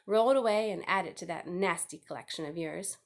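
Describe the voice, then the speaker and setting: A woman's voice: lowish voice, brisk, natural voice. A woman voicing a proud mother goose from a storybook, blunt, emphatic and matter-of-fact. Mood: dismissive.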